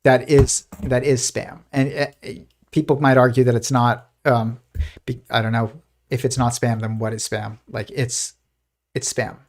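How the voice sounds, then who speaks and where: The man running this live physics stream has a mid-range, slightly mellow voice that moves little in pitch, and he takes his time. He talks loosely, rambling with plenty of fillers and restarts, and goes posh and old-timey for quotes.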